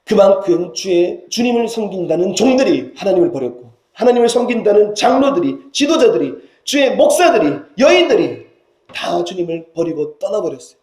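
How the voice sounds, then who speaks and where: A man preaching a sermon as senior pastor, moving between hushed pleading and loud, fervent cries. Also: high voice. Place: church sanctuary. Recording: roomy church hall sound.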